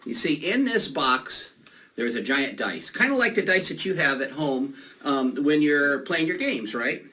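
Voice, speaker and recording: Male kids party magician, higher-voiced, playful and exclamatory patter for children, noisy distant recording. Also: sing-song, unhurried.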